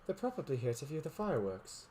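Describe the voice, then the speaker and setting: A man's voice: fairly high pitch, huge pitch swings, fast talker, dark tone, slight background noise. A man voicing a prim, polite teenage girl in a fan reading of a visual novel, speaking with formal, courteous phrasing. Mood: calm.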